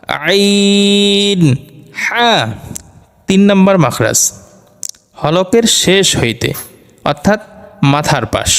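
A man teaching Quran letter pronunciation, explaining slowly and repeating each Arabic letter over and over for practice. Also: on the high side. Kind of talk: slow explanatory lesson with drilled letter sounds. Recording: long reverberant room echo.

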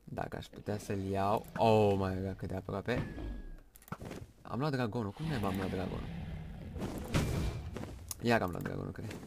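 A man giving excited live gameplay commentary, shouting at the game and muttering to himself between bursts. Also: on the low side, gravelly, long pauses, noisy background. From Romania. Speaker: gaming video host.

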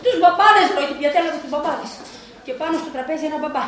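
Woman in an amateur stage comedy, very high and lively voice, distant hall mic. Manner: wailing, melodramatic grieving widow comedy. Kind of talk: live comic stage acting. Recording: echoey hall from far off, loud noise.

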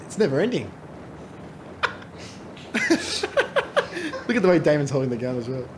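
A man's voice: a little high, wildly swooping pitch, a little slow, background noise. A middle-aged man chatting casually through an audio commentary and laughing often. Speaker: commentary host.

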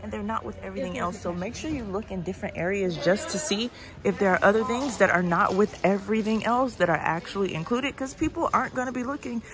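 This fast-talking shopping vlogger, medium in pitch, films a casual walk-and-talk store tour on her handheld phone with music in the background. She chats directly to viewers as she moves through a large indoor store.

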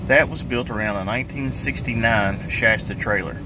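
A man's voice: lowish voice, normal speed, noisy background. Folksy man talking on a walk. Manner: folksy, plain-spoken, rambling. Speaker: vlogger. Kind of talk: casual walk-and-talk vlog. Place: outdoors on a rural property and inside a truck.

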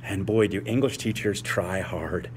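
A man's voice: low voice, unhurried, a little hiss or hum. A man in his forties, an English teacher, speaking passionately and emphatically to fellow teachers, repeating key phrases. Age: 40s.

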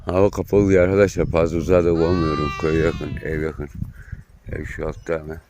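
A man, a shepherd, giving calm running commentary to his viewers while herding his flock on an outdoor pasture, recorded on a handheld phone. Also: a bass voice, fairly quick. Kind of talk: casual vlog narration while herding. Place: outdoor hillside pasture under overcast sky. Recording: outdoor noise with bleating sheep.

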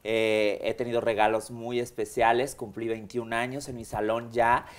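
A Mexican man in his thirties, a hair extension stylist, sits in an armchair on a small indoor studio set as an interview guest. In a Mexican Spanish accent, he tells his story in casual conversation, animated and expressive, gesturing with his hands and using many fillers. His voice is mid-range and his speed normal.

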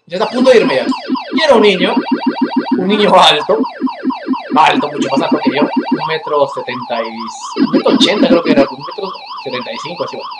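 A man with a Peruvian accent hosting a gaming video, telling a story between constant swearing and excited outbursts at the game. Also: high voice, fairly quick, very noisy. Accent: Peruvian Spanish. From Peru. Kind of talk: casual gameplay commentary. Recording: echoey room under loud music.

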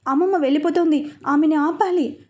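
A woman's voice: high-pitched, a little fast, darkish tone, dull audio, close to an everyday voice. A woman voicing a distressed young woman, delirious with fever, who pleads and cries out for her grandmother. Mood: frantic.

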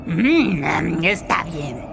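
A woman's voice: sits low, very animated, extremely slow, gravelly, heavily acted. A woman voicing a dim, hungry caveman sponge who talks bluntly in broken grammar in a cartoon parody. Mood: dopey, hungry. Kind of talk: animated parody acting. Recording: very loud music behind.

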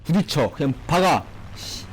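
A young man giving excitable, swearing commentary on his gameplay from a small room at home, tipsy from drinking. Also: fairly high pitch, normal speed, a little hiss or hum, low-quality recording. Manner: excitable, swearing, shouting at enemies. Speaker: gaming streamer.

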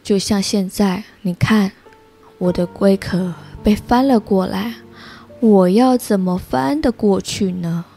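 A woman's voice: medium pitch, creaky, dark tone, husky, soft background music, full character voice. A woman voicing a sighing, frustrated turtle from a storybook, read to a toddler. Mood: dejected, sighing. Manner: slow, sighing, for a toddler listener.

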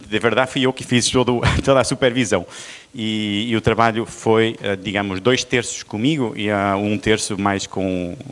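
A man with a European Portuguese accent leaning toward Brazilian delivers a university lecture. His voice sits somewhat low. He talks in halting bursts with restarts and frequent tag questions. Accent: European Portuguese, softened toward Brazilian. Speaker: visiting professor, lecturer. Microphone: microphone at a lecture.

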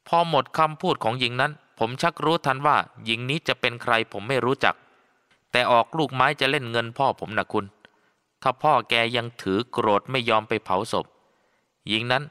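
Male storyteller for a ghost-story audiobook, steady and bright-toned, with a long hall echo. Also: mid-range voice, normal speed, clear, resonant tone. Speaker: audiobook narrator. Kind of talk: scripted first-person story narration. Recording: long reverb.

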